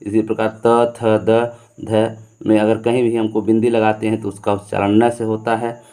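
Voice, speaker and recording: A man's voice: on the low side, monotone, moderate pace, warm tone, smooth. A man teaching grammar to students, who repeats his points and asks questions that he then answers himself. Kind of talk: explaining Hindi grammar to students.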